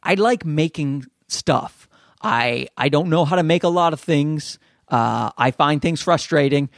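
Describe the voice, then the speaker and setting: A man's voice: on the high side, expressive, unhurried, creaky, no echo, clean studio sound. A man with a Newfoundland accent doing a casual solo podcast rant, rambling, self-deprecating and sweary. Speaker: podcast host and amateur comedian.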